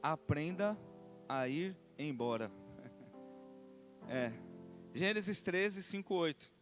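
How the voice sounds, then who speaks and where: A man with a Brazilian Portuguese accent preaches from the pulpit in a notably high voice. He moves between quiet, confiding asides and loud, impassioned exhortation, pressing his listeners with questions. Faint instrumental music plays behind him. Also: lively intonation, drawn-out words. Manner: swings from soft asides to shouted exhortation; asks the congregation rhetorical questions. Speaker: bishop and pastor. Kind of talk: preaching a sermon. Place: church sanctuary.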